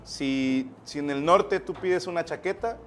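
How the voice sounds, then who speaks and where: A man's voice: a little high, a little slow, a bit bright, slight background noise. A Mexican man hosting a casual interview, bantering crudely and swearing freely. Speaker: interview host.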